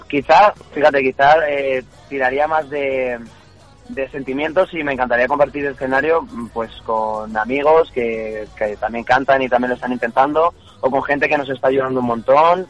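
A man's voice: mid-range voice, fairly even intonation, normal speed, soft background music. A man from a band answering as a guest in a radio interview, earnest and thoughtful. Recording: slightly dull radio sound.

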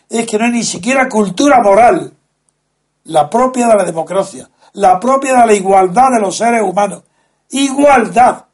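Man, husky, high-pitched, slow lecturing guest, emphatic. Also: a little mellow. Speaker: guest speaker. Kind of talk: measured explanatory talk.

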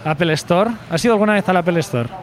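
A man's voice: high voice, quick pace. A man teasing his friend in casual chat while walking outdoors in a hot city square. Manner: joking, teasing banter.

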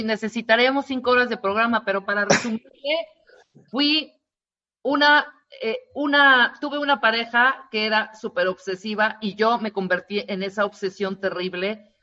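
A woman, a co-host chatting in an expressive, emphatic way. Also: medium pitch, moderate pace, muffled recording. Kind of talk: casual chat.

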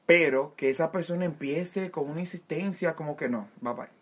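A man, co-hosting a casual chat, teasing the others and acting out little exchanges with an animated voice. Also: fairly high pitch, brisk, breathy edge. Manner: playful, teasing, leads questions with animated voices. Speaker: podcast co-host.

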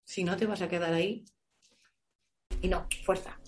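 A woman voice coach answering audience questions with lively, expressive advice. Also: on the low side, moderate pace, slight background noise. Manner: warm, expressive, illustrates with shouts and playful voices. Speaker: voice coach guest.

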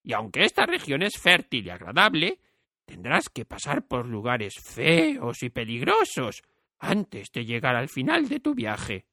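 Storybook countryman, grave and slow, bright tone, voiced by a man. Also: medium pitch, wildly swooping pitch, dry recording, studio quality, heavily acted. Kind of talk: audiobook character voice.

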